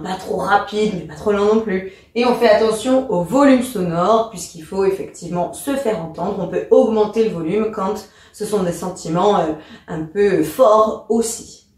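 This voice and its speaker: A woman's voice: mid-range voice, a little mellow, distant mic. Teacherly woman in an echoey room. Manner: patient, teacherly, step-by-step. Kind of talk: explanatory lesson.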